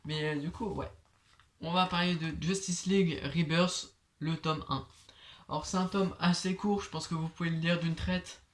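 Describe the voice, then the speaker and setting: A young man with a slushy lisp, his s sounds slurring toward sh, presenting casually and haltingly like a home vlogger. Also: on the high side, steady tone. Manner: halting, hesitant, filler-heavy. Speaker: host of a comic book collection video series.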